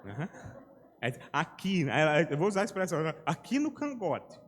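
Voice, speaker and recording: A man's voice: fairly high pitch, wildly swooping pitch, moderate pace, slight background noise. Middle-aged man, Ceará accent, pastor delivering a conversational sermon in a reverberant church hall. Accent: Brazilian Portuguese, Ceará. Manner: conversational preaching, acting out little dialogues. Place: church sanctuary.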